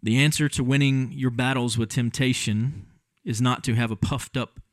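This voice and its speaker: A man's voice: medium pitch, steady tone, moderate pace, no room sound. A male pastor giving a conversational sermon and acting out scenes in different voices.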